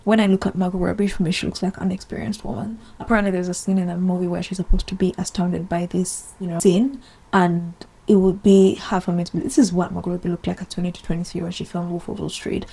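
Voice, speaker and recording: Woman vlogger, chatty opinion commentary, dark mellow tone, husky voice. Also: lowish voice, level tone, quick pace. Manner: chatty, opinionated, rambling with asides. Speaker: video essayist. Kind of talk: casual opinion vlog commentary.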